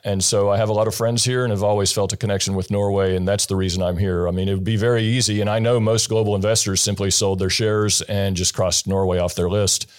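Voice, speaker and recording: A middle-aged man from the United States, a guest investor explaining his views in an interview, measured, with frequent fillers. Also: on the low side, fairly even intonation. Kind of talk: interview answers.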